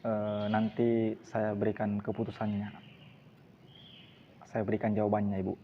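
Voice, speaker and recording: A man's voice: fairly low pitch, monotone, a little slow, lightly acted. A man voicing an earnest young suitor who talks politely and keeps repeating his forms of address, on a dull lo-fi recording with faint hiss.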